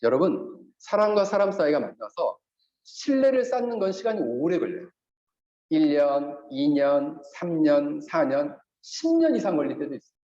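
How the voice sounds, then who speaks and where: A man preaching a sermon as pastor, animated and acting out quoted speech. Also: a little high, normal speed. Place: church sanctuary. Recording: echoey, slightly dull church recording.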